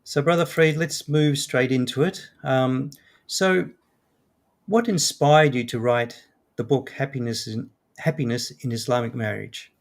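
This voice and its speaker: A man hosting an interview, asking questions in a relaxed way with small fillers. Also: medium pitch, a little slow, gravelly.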